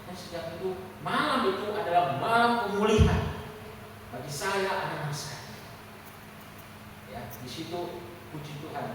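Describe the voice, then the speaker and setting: A man's voice: a little high, a bit bright. A man preaching in a church service, telling a candid personal story and speaking directly to the congregation. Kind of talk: conversational testimony sermon. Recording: echoey hall from far off, faint hiss.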